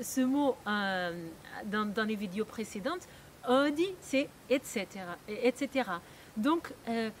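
A woman's voice: high voice, slight background noise. A woman with a non-native accent teaching a lesson, patiently explaining with frequent hesitations and restarts. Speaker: Ayurveda teacher.

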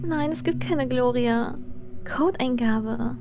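A woman's voice: high voice, slow. A young woman streamer chatting casually through a game in a cute anime-streamer manner, with game music behind.

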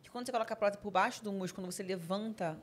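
A woman's voice: mid-range voice, very fast, a little hiss or hum. A woman hosting a podcast, asking questions in a casual, teasing conversational way. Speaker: podcast host.

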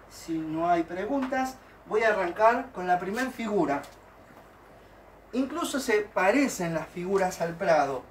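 A man's voice: high voice, distant mic, a little hiss or hum. A man with an Argentine accent teaching folk dance, explaining each step and checking that students follow. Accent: Argentine Spanish. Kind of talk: online dance lesson. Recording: roomy, from off the mic. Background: folk guitar music.

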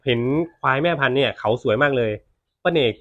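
Male vlog host, animated delivery, dull lo-fi recording. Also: mid-range voice, quick pace. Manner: lively, enthusiastic presenter. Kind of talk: casual on-camera interview. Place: outdoors at a buffalo pen.

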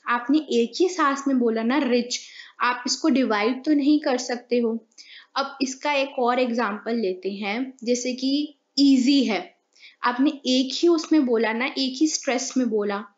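A woman's voice: a little high, measured pace, muffled recording. A woman teaching a grammar lesson, explaining step by step and asking and answering her own questions.

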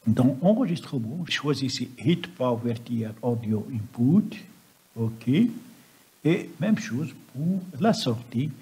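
A man narrates a software tutorial step by step over a screen recording. His voice sits at a middle pitch and is strongly husky and rough. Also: poor audio.

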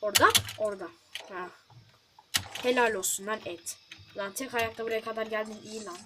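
A woman's voice: medium pitch, fairly even intonation, normal speed. A woman hosting a let's play, talking to the game in frustration and swearing often. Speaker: gaming channel host. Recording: loud keyboard clicks and noise.

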